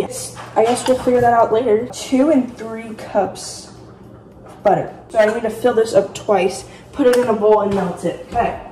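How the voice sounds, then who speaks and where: A woman's voice: mid-range voice, far from the mic, background noise. A teenage girl chatting casually as she bakes in her home kitchen, rambling and poking fun at herself, filmed on a phone camera. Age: teens. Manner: chatty, self-mocking, rambling. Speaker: vlogger. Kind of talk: casual baking vlog. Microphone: phone camera at a distance. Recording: roomy kitchen, off-mic, music.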